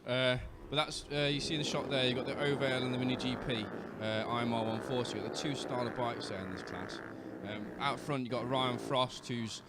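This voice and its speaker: A man with a British accent, a rider working as co-commentator, explaining racing in a relaxed way with many fillers. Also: medium pitch, brisk, hardly any pauses, very noisy. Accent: British English. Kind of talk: live race commentary. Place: outdoors at a racetrack.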